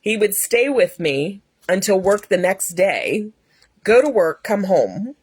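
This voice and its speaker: A woman's voice: mid-range voice, big pitch swings, slow pace, darkish tone, slightly rough, no room sound. A woman in her fifties sharing a personal faith testimony in an earnest, emotional storytelling way. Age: 50s. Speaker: host.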